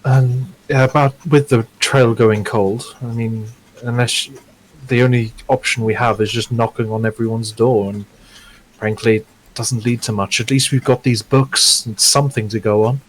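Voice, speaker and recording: A man's voice: medium pitch, fairly even intonation, moderate pace, a little hiss or hum, low-quality recording. Guy playing a tabletop game, polite, hesitant, lots of ums, medium voice. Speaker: player. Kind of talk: casual tabletop play.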